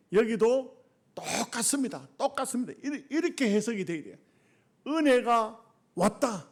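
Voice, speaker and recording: A middle-aged male pastor, preaching colloquially, asking the congregation questions and repeating short phrases, going from loud bursts to quiet asides. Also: extremely high pitch. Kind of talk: sermon.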